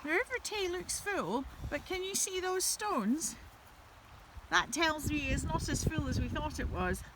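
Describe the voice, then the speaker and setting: A woman chatting gently to her viewers while walking her dogs outdoors through woods by a river. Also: sits high, lively intonation, a little slow, noisy background. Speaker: vlogger. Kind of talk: casual walking vlog narration.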